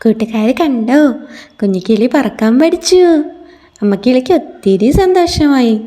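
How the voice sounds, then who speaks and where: Woman teacher, children's storytelling lesson, animated, questioning the kids, mellow voice. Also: sits high, slow. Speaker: primary school teacher.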